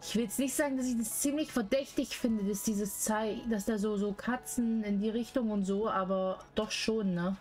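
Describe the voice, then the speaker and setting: A woman's voice: mid-range voice, steady tone, normal speed, hardly any pauses, darkish tone. A woman commenting casually on a game as a streamer, in a cute, playful, exclamatory anime streamer manner. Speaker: VTuber streamer.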